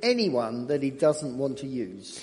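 A man with a Nottingham English accent preaching a sermon in short phrases, pausing for an interpreter. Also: mid-range voice, sing-song, darkish tone. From England. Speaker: guest preacher. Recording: reverberant hall.

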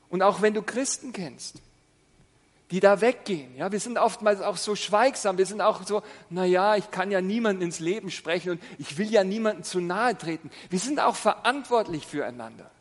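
A man's voice: high-pitched, big-room sound. A middle-aged man preaching a sermon in an earnest, exhorting way, asking rhetorical questions.

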